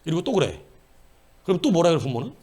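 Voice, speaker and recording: A man preaching a sermon in church, telling lively stories with jokes. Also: on the high side, fast talker. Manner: animated, storytelling with jokes and acted voices. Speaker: pastor.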